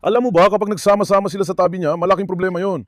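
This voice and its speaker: A man's voice: high-pitched, steady tone, rapid-fire, no room sound, clean studio sound. A man narrating a casual vlog as he handles his dogs, coaxing and scolding them between asides to viewers. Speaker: dog owner vlogger.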